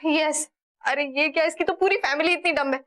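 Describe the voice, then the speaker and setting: A sharp-tongued young wife who mocks her husband with dry sarcasm. Her voice is high, with loud sitcom music behind her. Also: fairly even intonation, brisk. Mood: sarcastic. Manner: sarcastic, teasing. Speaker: wife and daughter-in-law.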